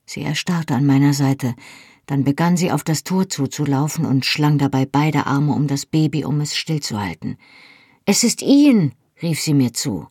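Audiobook narrator, woman, husky, dry close studio sound, measured storytelling. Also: sits low, darkish tone, no echo. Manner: measured, lightly dramatized storytelling. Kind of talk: scripted first-person audiobook narration.

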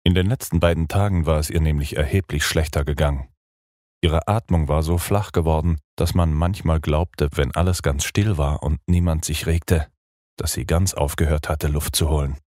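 Very deep-voiced male narrator. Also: no echo, studio quality. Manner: measured, even storytelling. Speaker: audiobook narrator. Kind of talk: scripted narration of a gothic novel.

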